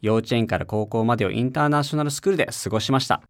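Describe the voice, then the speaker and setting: A man's voice: medium pitch, racing, dry recording. Encouraging male teacher, dry studio voice. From Japan. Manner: encouraging, coaxing the listener to repeat aloud. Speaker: English teacher. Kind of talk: scripted lesson narration for an audio CD.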